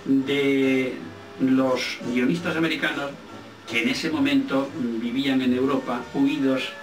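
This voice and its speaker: An older man with an accent from Spain reminisces casually in an interview. His mid-pitched voice sounds distant in an echoing room, and he pauses to search for words, repeating some for emphasis. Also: level tone. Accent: Spanish, from Spain. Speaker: film director being interviewed. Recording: roomy, distant microphone, faint music.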